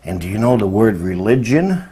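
A low-leaning, very animated man's voice, dark and slightly rough, moving at normal speed. In his sixties, he teaches religion through an informal, emphatic lecture on what words mean, peppered with rhetorical questions, in an indoor room by a presentation screen.

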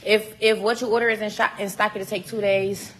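A woman's voice: mid-range voice, flat delivery, brisk, a bit bright, slight background noise. A young woman vlogging casually in a home garage gym, talking in a laid-back, teasing, slangy way into a phone held at arm's length. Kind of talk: casual home vlog chat.

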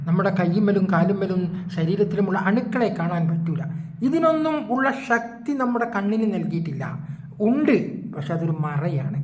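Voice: medium pitch, a little hiss or hum. A preacher gives a religious sermon with a moral story. The speaker talks emphatically, repeats phrases and asks the listeners rhetorical questions. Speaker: Islamic preacher.

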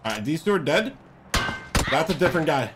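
A man streaming a shooter game, calling plays and trash-talking his teammates with loud, excitable energy. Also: on the high side, brisk, very noisy. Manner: excitable, boastful trash talk, shouts in fights. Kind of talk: live gameplay commentary with teammates. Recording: game gunfire loud under voice.

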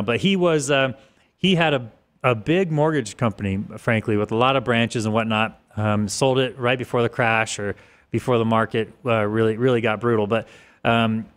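A man in his mid-forties, a guest in a podcast interview, talking casually in a rambling way with restarts, on a desk boom mic in an office studio. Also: smooth. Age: 40s. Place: office studio with large windows.

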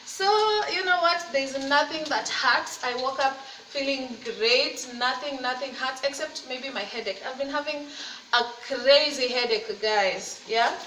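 In an echoey kitchen, a mother who vlogs her cooking talks in a high-pitched, unhurried, sharp voice over a little hiss or hum. Her cook-along chat is chatty, upbeat, encouraging and sprinkled with faith. A desk-distance laptop or phone camera captures her, sounding roomy and slightly distant with faint ambience.

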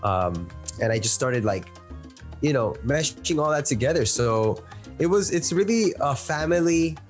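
A man's voice: a little high, lively intonation, unhurried. A young man from Peru raised in Miami, a music producer answering interview questions with enthusiasm, many fillers and restarts, on a video call with a studio mic. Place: small plain indoor room. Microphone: headphones and studio mic on video call.

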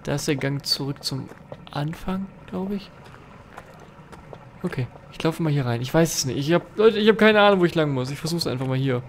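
A man's voice: a little high, moderate pace, a little hiss or hum. A young man commenting live on a horror game as a let's play host, restless and jumpy, swearing and talking to his viewers. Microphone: facecam with desk mic.

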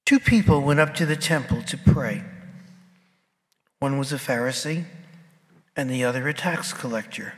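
A man of middling pitch reads the Gospel aloud in a measured, solemn way. His voice carries a long cathedral echo that rings on after each phrase, as from a large church. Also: lively intonation. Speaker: clergyman reading the Gospel at Mass. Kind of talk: liturgical Gospel proclamation.

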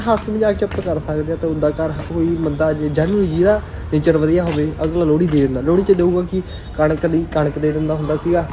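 Young man, Punjabi accent, casual vlog, slightly high voice, street traffic noise behind. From Punjab, India. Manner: joking banter with friend. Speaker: vlogger. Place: outdoors on city streets, cold foggy evening. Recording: outdoor phone recording with traffic noise.

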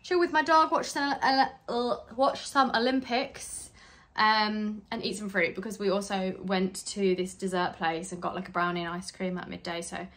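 A woman's voice: medium pitch, little pitch movement, normal speed, fairly bright tone, poor audio. A young woman from England, chatting casually to her phone camera in a rambling vlog full of fillers. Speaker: vlogger. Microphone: handheld phone.

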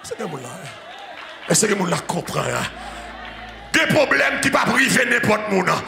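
Shouting Haitian preacher, high gravelly voice. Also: male voice, big pitch swings, moderate pace, echoey room, music in the background, crowd noise. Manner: switches to quiet storytelling. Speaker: pastor. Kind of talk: sermon.

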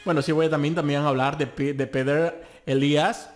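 In a slightly high, steady voice at a normal pace, a young Latin American man hosts a music reaction. He gushes with exclamations and points out singing technique while the song plays faintly.

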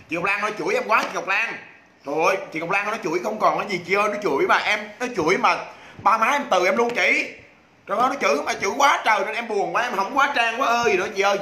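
A man hosts a home livestream in a high, bright voice, talking very fast in loud, clowning bursts of sales patter. The room is echoey, with a faint hiss underneath. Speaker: livestream host selling products. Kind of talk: rapid comic livestream patter.

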